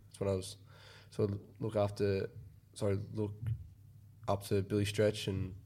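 A man's voice: on the low side, dark tone. A young Australian man in a casual interview, laconic and blokey in the way he talks. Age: young adult. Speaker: footballer, interview guest. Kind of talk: casual chat.

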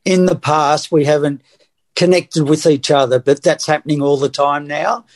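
A man's voice: fairly high pitch, steady tone, moderate pace. A male co-host in casual chat, enthusiastic and encouraging.

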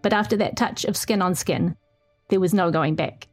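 A middle-aged woman reporter reads her own feature story in a measured, clear way, after answering interview questions with a few hesitant restarts. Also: on the low side, soft background music.

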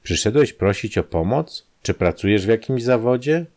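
A man's voice: on the low side, animated, moderate pace, darkish tone, pitched above the performer's own voice. A man voicing a cornered professor who answers in strained, clipped replies. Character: cornered male professor, tense and defensive.

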